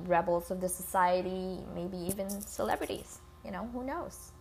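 A Filipina podcast host with a lowish, gravelly voice runs a casual solo show recorded on an iPhone, with a little hiss or hum and scratching in the background. She's informal, swears and calls her listeners "guys."

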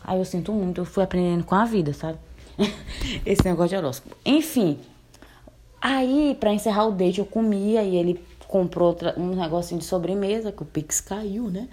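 A woman in her twenties telling a story in a casual, animated way, laughing often and acting out both sides of the talk. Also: medium pitch, normal speed, a little hiss or hum. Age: 20s. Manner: animated, laughing, quotes herself and her date. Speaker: storyteller recounting a bad date.

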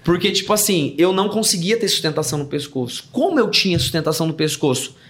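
A man with a Brazilian Portuguese accent, a worship pastor and podcast guest, telling a story in a casual, animated, slangy way and acting out the people in it. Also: on the high side, quick pace, a crowd in the background. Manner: animated, acts out remembered dialogue in his story; slangy, informal. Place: podcast studio.

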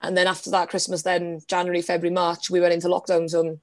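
A woman of twenty-four with a Welsh Valleys accent, chatting casually and informally as an interview guest, telling stories in an animated way. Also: lowish voice, fast talker, no echo, studio quality. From South Wales Valleys.

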